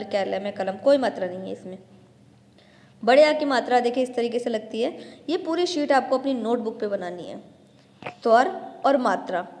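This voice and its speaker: A woman teaching a grade-one grammar lesson, talking to children and slowly spelling out syllables, stretching the long vowels. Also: a little high, big-room sound. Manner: addresses children directly, patient explaining tone.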